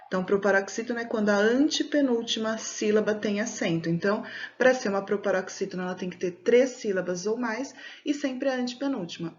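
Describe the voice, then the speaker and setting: A woman's voice: mid-range voice, muffled recording. A woman with a Brazilian Portuguese accent, teaching a recorded video lesson from home and patiently explaining each step to children. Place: home during quarantine.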